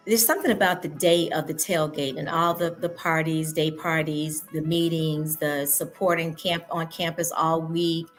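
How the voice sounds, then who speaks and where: Husky-voiced chatty woman show host. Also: deep voice. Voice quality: sultry, husky from homecoming weekend. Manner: chatty and storytelling, calls listeners honey. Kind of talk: casual morning show chat.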